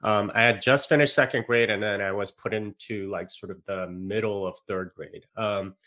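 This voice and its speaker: Bright-voiced man, rambling interview guest. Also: fairly low pitch, fairly even intonation, normal speed. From South Korea. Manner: rambling, many fillers and restarts, laughs often. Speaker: podcast guest. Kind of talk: casual interview chat.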